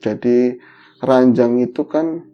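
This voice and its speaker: A middle-aged man with a Javanese accent, telling his own story in a casual, animated way. His voice jumps up in pitch at the tense parts. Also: slow. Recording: dull lo-fi audio with faint noise.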